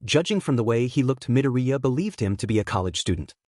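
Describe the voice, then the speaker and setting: Guy narrating fanfic, steady plain reading, lively pitch, dry close sound. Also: fast, no echo. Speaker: fanfiction reader. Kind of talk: storytelling narration.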